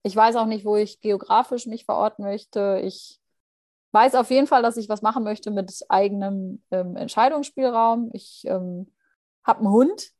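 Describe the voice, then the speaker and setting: A young woman answers interview questions in a reflective, searching way. She hesitates often and restarts her sentences. Her voice sits at a middle pitch and is recorded close and dry. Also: normal speed, darkish tone, no echo. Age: young adult. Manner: thoughtful, hesitant, many fillers and restarts. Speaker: guest, junior anesthesia doctor.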